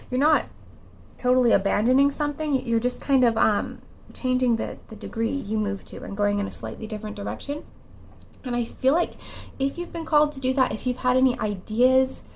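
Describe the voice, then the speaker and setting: With a creaky voice on the high side, a tarot reader muses through a pick-a-card reading while recovering from a cold, full of hesitant fillers and restarts. Slight background noise is audible.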